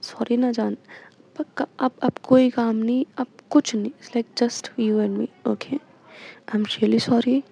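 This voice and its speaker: A woman's voice: on the high side, steady tone, slow, gravelly, dark tone, heavily acted. A woman voicing a tender young woman who pleads and apologizes to her partner. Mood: apologetic.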